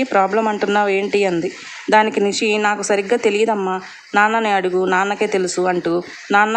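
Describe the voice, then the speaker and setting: A woman's voice: medium pitch, a little hiss or hum. Woman narrating a family drama story. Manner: voices all family characters herself with little change. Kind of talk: scripted story narration with dialogue.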